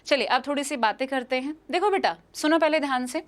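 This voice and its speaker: A young woman with an Indian accent delivers a live English exam-prep lesson in a high voice at a fairly quick clip. She restates each question and answer and keeps addressing her students as "beta."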